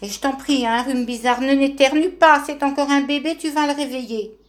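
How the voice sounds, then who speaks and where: A woman's voice: high voice, moderate pace, voice pushed up, close to an everyday voice. A woman voicing a kind, protective dog in a children's storybook, talking in a soothing, pleading way. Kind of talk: storybook character voice.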